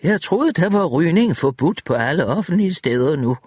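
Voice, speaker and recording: A man's voice: on the high side, very animated, a little mellow, breathy edge, dry recording, pitched above the performer's own voice. A man voicing a frail elderly woman who makes dry, teasing remarks. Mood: wry.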